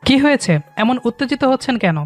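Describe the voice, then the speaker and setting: An actor as a calm veteran doctor. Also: high voice, faint music behind. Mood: reassuring. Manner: measured, mixes in English phrases. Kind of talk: audio drama acting.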